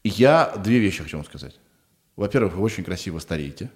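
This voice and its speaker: A man's voice: low-pitched, animated, quick pace, darkish tone. A man hosting a podcast interview, talking informally and rambling in short broken pieces. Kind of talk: casual conversational interview.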